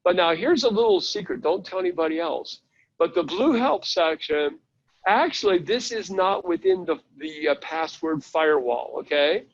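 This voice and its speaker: A man's voice: sits high, very animated, moderate pace, gravelly, dull audio. A man presenting a live online training session, chatting his way through a website step by step. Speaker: webinar presenter.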